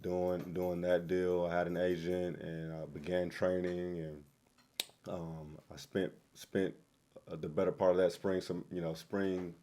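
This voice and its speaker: A young man speaks in a deep, low-pitched voice, relaxed and conversational. He tells stories with plenty of fillers, like a former quarterback looking back in a casual interview. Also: unhurried, slight background noise. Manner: relaxed storytelling with fillers and laughs.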